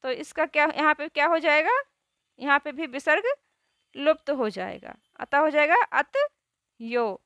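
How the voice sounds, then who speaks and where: A woman teaching a grammar lesson who asks questions and answers them herself, spelling out words slowly. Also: sits high, a bit bright, dry recording, dull audio.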